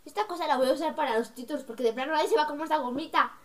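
A woman's voice: high-pitched, racing. A young girl vlogging casually to camera, chatty and mocking as she acts out what her classmates say. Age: young, school-age.

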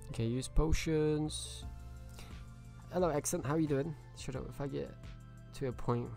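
A man's voice: fairly high pitch, fairly even intonation, unhurried, vocal fry, a little mellow, soft background music. Chatty male game streamer. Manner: chatty, greets viewers by name. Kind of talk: casual live-stream commentary.

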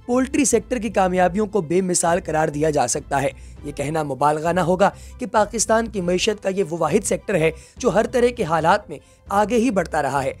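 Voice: mid-range voice, a little mellow. A narrator reads a scripted documentary voice-over, explaining step by step and often addressing the listeners as friends. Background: faint background music.

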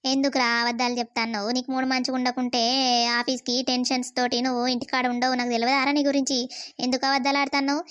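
A woman's voice: high-pitched, flat delivery, quick pace, fairly bright tone, dry recording, dull audio. A woman voicing a worried, nagging mother-in-law in a cartoon, questioning her son with a Telangana Telugu accent. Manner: questioning, scolding. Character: worried middle-aged mother-in-law, nagging but caring. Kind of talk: animated cartoon voice acting.

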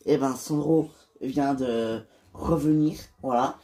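A man voicing a calm, patient man in an amateur toy-figure drama, speaking hesitantly with many fillers. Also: mid-range voice, slow pace, slightly rough. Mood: reassuring. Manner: hesitant, filler-heavy delivery. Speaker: fan toy-figure series voice actor. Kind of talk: amateur home-made drama acting.

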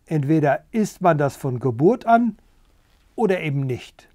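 A man voicing a flock of gossipy farmyard hens in a storybook reading, shrill and startled. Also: expressive, measured pace, warm tone, no room sound, clean studio sound. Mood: clucking.

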